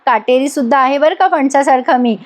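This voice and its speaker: A woman voicing a stern, calm male teacher with a dry wit. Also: high voice, fairly quick, lightly acted.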